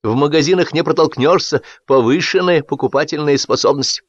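A man's voice: on the high side, brisk, no room sound, lo-fi sound, voice pushed up, lightly acted. A man reading an audiobook, voicing a sly, self-serving male writer who talks in a wheedling, mock-pathetic way.

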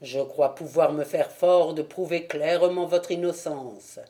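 A man reading the part of a sharp-minded amateur detective who speaks in a calm, assured way. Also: on the high side, lightly acted. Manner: assured, measured.

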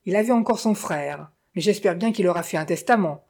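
A woman putting on a shrill scolding widow. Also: a little fast, gravelly, a little mellow. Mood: fretful. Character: sharp-tongued greedy middle-aged widow. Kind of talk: audiobook character voice.

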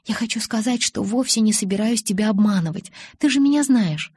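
A woman reading an audiobook, voicing an impatient, exasperated young woman in love, pleading and animated. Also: mid-range voice, a little fast, slightly rough, dry recording, pitched above the performer's own voice, natural voice.

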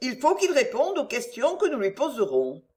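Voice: sits high, huge pitch swings, moderate pace, darkish tone, voice pushed up. A reader voicing an anxious young noblewoman who pleads earnestly in an audiobook. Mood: pleading. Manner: pleading, urgent.

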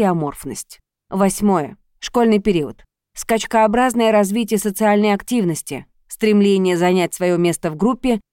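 A woman reading a novel aloud as a narrator, in a calm, even manner that slows down for the medical record entries. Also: mid-range voice, no echo, clean studio sound. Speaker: audiobook narrator. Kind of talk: scripted narration.

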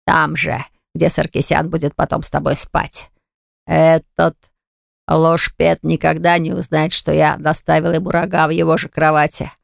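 Reader putting on a slow, sneering male thug. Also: level tone, creaky, no room sound, clean studio sound. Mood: menacing. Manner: slow, low, sneering menace. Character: menacing crude male thug, smug and threatening.

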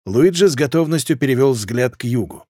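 A man reading a historical fantasy audiobook with steady, lively narration. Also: mid-range voice, brisk, dry recording, clean studio sound.

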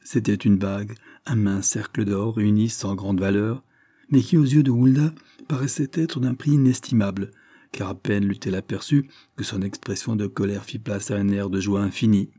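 Male narrator, measured, dark mellow tone, dry booth. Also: lowish voice, fairly even intonation, dry recording. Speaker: audiobook narrator. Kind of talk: scripted narration.

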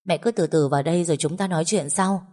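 A woman's voice: fairly low pitch, fast talker, mellow, lightly acted. Woman voicing an anxious young wife. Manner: anxious, urgent questioning. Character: worried young married daughter, caring peacemaker.

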